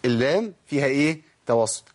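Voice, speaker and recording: A man's voice: medium pitch, expressive, a little fast. A man with an Egyptian accent teaching a tajweed lesson, asking his listeners questions and demonstrating each sound. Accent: Egyptian Arabic. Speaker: Quran recitation teacher.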